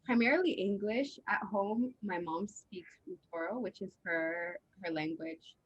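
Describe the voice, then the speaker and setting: A woman's voice: mid-range voice, measured pace, husky, lo-fi sound. A woman from Uganda, speaking casually in a documentary interview. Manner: casual, with fillers like "like".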